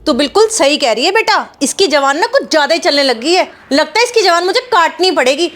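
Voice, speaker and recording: A woman's voice: high-pitched, lively intonation, a little fast, a bit bright. Woman playing a bossy scolding mother-in-law. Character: strict domineering mother-in-law, middle-aged woman. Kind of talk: short family drama skit.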